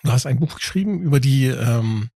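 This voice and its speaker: Male host, middle pitch, talkative and meandering, dry room. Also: animated, brisk, vocal fry, mellow, breathy edge, no room sound. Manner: chatty, asks long winding questions. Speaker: interviewer, host. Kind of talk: casual interview talk.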